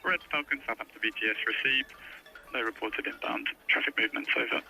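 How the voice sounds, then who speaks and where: Male port traffic operator on vhf, super crisp bright tone, bit of fry, formal clipped radio speak. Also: mid-range voice, a little fast, soft background music, poor audio. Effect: VHF marine radio. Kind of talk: procedural marine radio communication. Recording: marine radio with faint noise.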